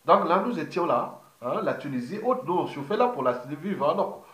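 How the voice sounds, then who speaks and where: A man's voice: on the high side, big pitch swings, normal speed, a bit bright. A man in his fifties from Congo, a political activist giving a digressive monologue, full of fillers, restarts and repeated words. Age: 50s. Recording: roomy echo.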